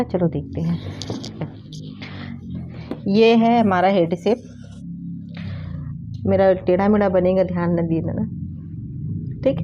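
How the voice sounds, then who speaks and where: A woman's voice: mid-range voice, dark tone, highs cut off. A woman giving a casual hands-on hairdressing lesson, chatty and repeating key terms to drive them home. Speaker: hairdressing teacher.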